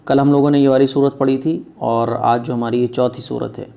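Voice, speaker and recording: A man teaching Quran recitation, quickly explaining each word and then reciting it slowly and drawn out. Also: mid-range voice, level tone, vocal fry, warm tone. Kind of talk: step-by-step recitation lesson.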